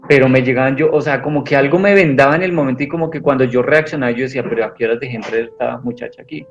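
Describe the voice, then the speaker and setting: In an interview, a man of medium pitch gives an earnest personal testimony at rapid-fire speed, rambling and restarting often. The audio is dull and lo-fi, with faint music behind him.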